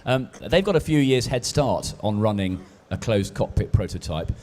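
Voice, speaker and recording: A man interviewing a guest on stage, asking questions in a brisk, chatty way and stumbling over a few restarts. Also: on the low side, animated, darkish tone.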